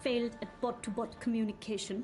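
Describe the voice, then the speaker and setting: Hard-bitten game boss, acted by a woman: high voice, sarcastic, abrasive, scornful, drawn-out insults, music underneath. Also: fairly even intonation, darkish tone, natural voice. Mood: scathing. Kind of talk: video game character acting.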